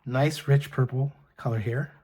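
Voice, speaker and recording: A middle-aged man casually reviewing fountain pens and inks, talking in a soft, hesitant way with many fillers and restarts. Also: mid-range voice, steady tone, unhurried, breathy edge. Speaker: pen and ink reviewer. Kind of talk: casual show-and-tell review.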